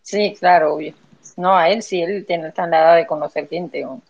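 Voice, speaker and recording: A woman's voice: lowish voice, fairly even intonation, brisk, vocal fry, a little mellow, dull audio. A woman from Paraguay in a casual voice chat who complains in a dramatic way. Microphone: online voice chat.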